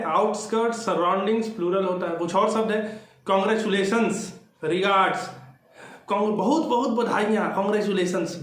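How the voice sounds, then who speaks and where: A man with a high-pitched voice teaches grammar to exam students in a friendly, conversational way. He keeps repeating key words and answers his own questions. The sound is very roomy and echoey. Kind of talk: bilingual exam-prep lecture.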